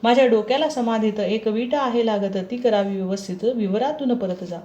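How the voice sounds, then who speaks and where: A woman reciting a devotional text in short verse lines with a steady chanting delivery. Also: on the high side, moderate pace, echoey room, dull audio.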